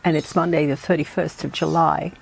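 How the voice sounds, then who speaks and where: A woman hosting a reflective solo podcast, her voice croaky as she recovers from a virus, speaking in a measured, thoughtful way. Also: low voice, fairly even intonation. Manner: measured, thoughtful, with pauses and restarts. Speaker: podcast host.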